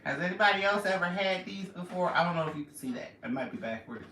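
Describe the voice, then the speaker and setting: A playful woman with a Southern drawl chats on a home live stream while she sorts things. She sits back from the mic in an echoey room with loud noise behind her. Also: lowish voice, fast talker, far from the mic. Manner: playful, chatty, slips into a put-on Southern drawl. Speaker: vlogger going live. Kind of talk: casual live-stream chat.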